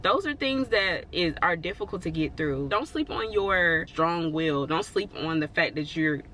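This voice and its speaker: A woman's voice: on the low side, expressive, measured pace, pushed and bright, slight background noise. A woman vlogging in a casual, rambling way, encouraging her viewers and filling her talk with "like" and "you know". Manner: encouraging, reassuring. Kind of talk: casual motivational talk to camera.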